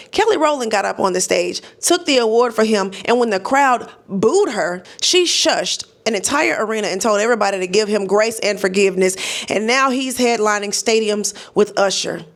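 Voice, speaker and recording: High-voiced American woman, sardonic exposé commentary. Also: fairly bright tone. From United States. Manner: emphatic and direct, often punctuating points with "okay?". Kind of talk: opinionated exposé commentary to an audience.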